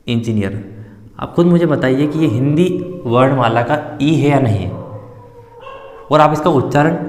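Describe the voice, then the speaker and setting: A man's voice: a little high, darkish tone. A man teaching an English grammar lesson in Hindi, explaining step by step and answering his own questions. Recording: roomy echo with long reverb.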